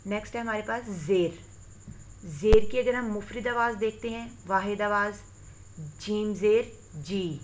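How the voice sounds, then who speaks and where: A woman teacher with a Pakistani Urdu accent, slowly spelling out letters and vowel sounds for her students in a recorded online lesson. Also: mid-range voice, a little hiss or hum. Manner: addresses students directly, patient explanatory tone. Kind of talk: recorded online lesson explaining Arabic reading.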